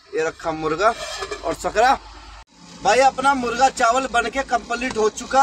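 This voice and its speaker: The speaker is a thirties-aged truck driver with a high-pitched, fairly bright voice, casually vlogging his travels through a phone held at arm's length. He chats freely and keeps addressing viewers as "brother" and "friends," and the outdoor recording by trucks, roads and highway stops is noisy.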